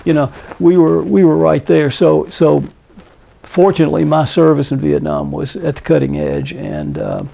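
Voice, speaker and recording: An American man in his seventies, a war veteran recounting his memories in a deliberate way, with hesitant pauses and emphatic phrases, in a gravelly, husky voice. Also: a little high, level tone, mellow. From Tennessee, United States. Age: 70s. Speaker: Vietnam veteran being interviewed.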